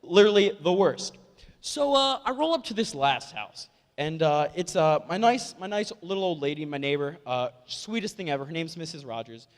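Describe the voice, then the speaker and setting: A young man doing a stand-up comedy set, telling a story with animated energy and acting out the other people in it. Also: on the high side, normal speed. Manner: animated storytelling, acts out voices. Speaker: stand-up comic. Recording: reverberant hall.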